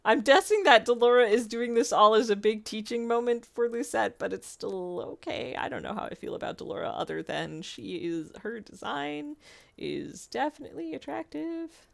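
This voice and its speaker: A woman's voice: a little high, lively intonation, moderate pace, creaky. A woman streamer giving casual, chatty commentary while reading a visual novel aloud, often interrupting herself with asides. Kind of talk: casual commentary mixed with narration.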